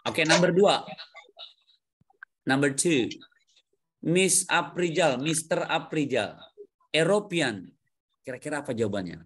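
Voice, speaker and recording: A fairly high, slightly rough and somewhat bright male voice, expressive and unhurried with frequent pauses, leads an online English grammar lesson. He coaxes adult learners toward answers, says them back, and weaves English vocabulary into his teaching.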